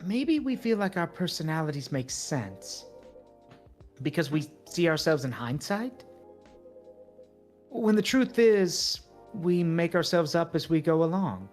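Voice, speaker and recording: A streamer voicing a calm, reflective hive creature customer in a game, speaking softly and measured. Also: mid-range voice, faint music behind, close to an everyday voice. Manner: soft, measured, thoughtful. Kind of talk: live voice acting a game's lines.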